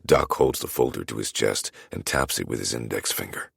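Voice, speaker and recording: A man narrating a dark romance audiobook in the first person, in a brooding, measured way. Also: a bass voice, gravelly, breathy edge, no echo, clean studio sound.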